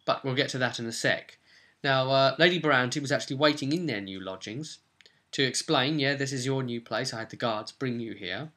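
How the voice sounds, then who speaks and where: Recapping a tabletop RPG session, this British game master tells it casually and rambles, adding wry remarks and loosely performed quotes. His mid-range voice is bright, brisk, and forceful.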